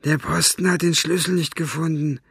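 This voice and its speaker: A man's voice: sits high, a little slow, a bit bright, breathy edge, no echo, studio quality, voice pushed up, exaggerated voice. A man voicing a coarse, irritable henchman in a raised, grumbling voice.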